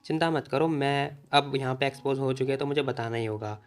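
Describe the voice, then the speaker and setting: A man's voice: medium pitch, fairly quick, clean tone, lightly acted. A man reading as a teasing young woman.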